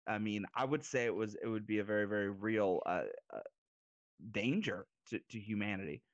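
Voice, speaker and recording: A man's voice: fairly low pitch, normal speed, dry recording, lo-fi sound. A man co-hosting a casual political podcast, talking emphatically and repeating words as he builds a point. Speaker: podcast co-host.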